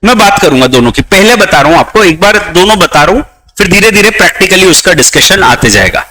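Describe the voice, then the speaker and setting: A man's voice: high voice, animated, brisk, sharp tone, poor audio. A man with an Indian accent teaching a class, explaining law through examples and switching between Hindi and English. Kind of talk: classroom lecture.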